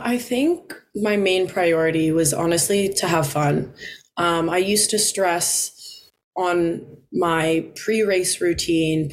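Young woman swimmer, easygoing, slightly low. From Philippines. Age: 20s. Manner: relaxed, frequent ums and soft laughs. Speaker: college swimmer guest. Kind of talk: casual interview answers.

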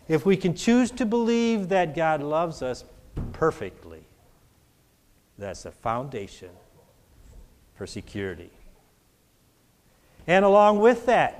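A man preaching a sermon to a congregation in church, leading call-and-response with emphatic, drawn-out repetition. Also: high-pitched. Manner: call-and-response, has the congregation repeat after him. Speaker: pastor.

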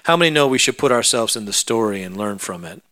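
A man's voice: lowish voice, lively intonation, fast, pushed and bright, no room sound. A man preaching a sermon, telling a personal story in a conversational way that builds into emphatic preaching.

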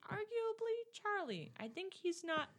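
A woman's voice: extremely high pitch, big pitch swings, a little slow, a crowd in the background. Playful, laughing female podcast co-host. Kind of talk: casual chat.

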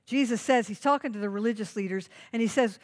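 A woman pastor delivers a sermon in a fairly high voice. She leans hard on key phrases and repeats them so listeners can write them down. She keeps putting direct questions to the congregation. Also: fast. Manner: emphatic, repeats key phrases for note-taking.

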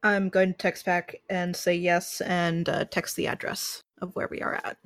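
A woman player at a tabletop game, chatty and animated. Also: fairly low pitch, normal speed, dry recording. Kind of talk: casual chat at a game table.

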